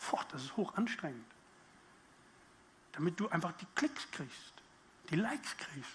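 A man's voice: a little high, big pitch swings, a little slow, slight background noise. A man preaching a sermon, speaking directly to his listeners with questions and acting out inner voices. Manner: acts out inner voices in quotes.

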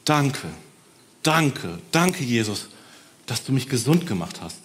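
A man's voice: mid-range voice, big pitch swings, slow. A man voicing a grateful Samaritan man in a children's Bible story, earnest and heartfelt.

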